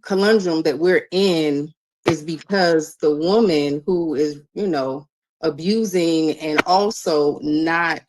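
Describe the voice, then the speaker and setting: A woman's voice: low voice, takes it slowly, background noise. A woman guest on a panel, making her point carefully and hesitantly. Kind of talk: measured panel discussion.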